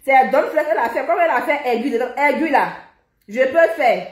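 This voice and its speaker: Playful woman, high voice, slightly breathless; echoey room, music underneath. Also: animated, a little fast. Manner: playful, chatty, breaks into sung worship lines. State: a little out of breath. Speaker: singer. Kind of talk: casual chat with singing.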